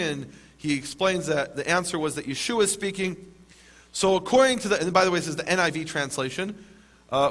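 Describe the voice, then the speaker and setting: A man with a rather high voice lectures a live audience on scripture. He mixes dry jokes into the teaching and slows right down on the words that matter most. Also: a bit bright. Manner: wry, dry humor, emphatic on key words.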